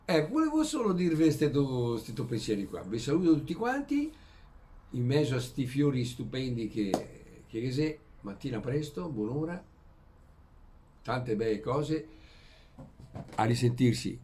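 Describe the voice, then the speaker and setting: A man with a Venetian accent from Veneto, speaking in dialect, rambling through homespun philosophy in a halting way, repeating words and putting questions to his listeners. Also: medium pitch, big pitch swings, dark tone. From Veneto, Italy. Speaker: vlogger. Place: outdoors among flowers in early morning.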